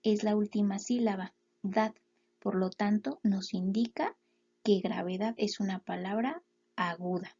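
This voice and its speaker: A woman teaching a lesson, explaining step by step and sounding out words slowly, syllable by syllable. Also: mid-range voice, dark tone, dull audio. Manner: slow, clear syllable-by-syllable explanations.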